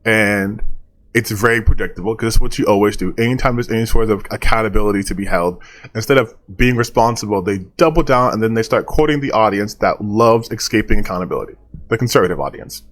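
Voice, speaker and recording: A man's voice: fairly low pitch, fast talker, fairly bright tone. A male online commentator talking casually and bluntly, dismissive and opinionated, with some casual swearing.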